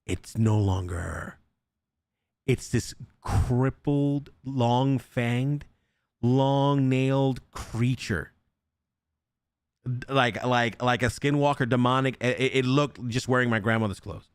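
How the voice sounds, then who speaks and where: A young man's mid-range voice moves at a slow pace, clean-toned with no echo, as he hosts a podcast. Telling a ghost story in a relaxed, animated style, he swears often and voices the characters' lines himself.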